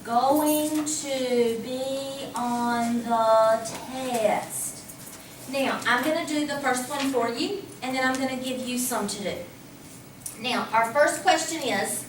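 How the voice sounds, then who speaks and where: A woman math teacher giving a lively classroom lecture, talking casually and asking the class questions. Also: sits high. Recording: echoey classroom from a distance, faint hum.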